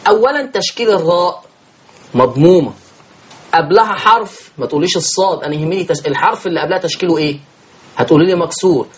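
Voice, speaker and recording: A man with an Egyptian accent teaching Quran recitation rules, asking and answering his own questions and drawing out chanted examples. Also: high voice. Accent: Egyptian Arabic. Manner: slow drawn-out chanted examples. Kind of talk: teaching tajweed.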